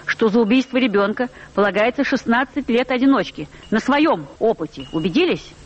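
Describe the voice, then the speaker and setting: A woman's voice: a little high, lively intonation, fairly quick, dull audio, a little hiss or hum, lightly acted. A woman doing a prying young official girl. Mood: accusing.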